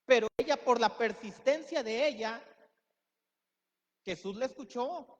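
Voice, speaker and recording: High-voiced man preaching in a reverberant hall. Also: a little slow. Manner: preaching with emphatic rises and quoted voices. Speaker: pastor. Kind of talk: sermon. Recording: dull sound with long hall reverb.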